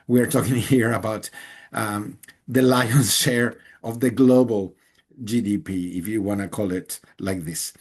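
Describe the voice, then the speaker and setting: A journalist from Guatemala, answering interview questions earnestly and emphatically with small laughs. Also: male voice, fairly low pitch, darkish tone. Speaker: journalist and guest.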